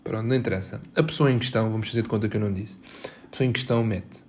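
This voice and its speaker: A man's voice: lowish voice, racing, darkish tone, a little hiss or hum. A young man with a European Portuguese accent hosting a solo podcast from his bedroom, talking in a sarcastic, exasperated, mock-dramatic way. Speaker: podcast host.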